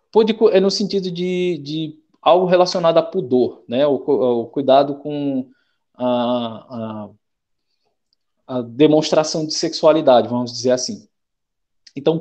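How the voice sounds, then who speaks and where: A young man with a Brazilian Portuguese accent, teaching an online class in a relaxed, chatty way that keeps checking in with the students. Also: on the high side, muffled recording. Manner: relaxed, chatty, checks in often with slangy rhymes.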